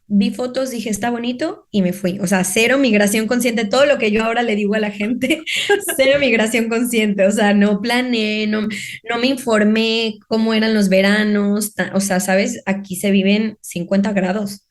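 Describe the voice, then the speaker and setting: A woman's voice: mid-range voice, steady tone, moderate pace. Chatty Mexican woman telling her story. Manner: chatty, acts out her own past remarks in quoted asides. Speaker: podcast guest, author. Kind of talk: casual conversational storytelling.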